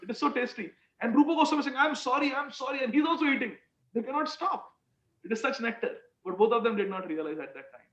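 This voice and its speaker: A high-pitched male spiritual teacher leads a devotional session over a group call. He explains phrase by phrase with deliberate emphasis. The sound is muffled and the room echoes around him. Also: lively intonation. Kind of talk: devotional discourse with question and answer.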